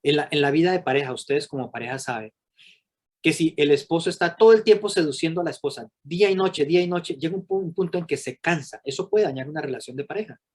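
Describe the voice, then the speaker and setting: Man, middle-aged, slightly high voice, animated workshop speaker, rhetorical questions to the audience. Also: quick pace. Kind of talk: live workshop talk to a group.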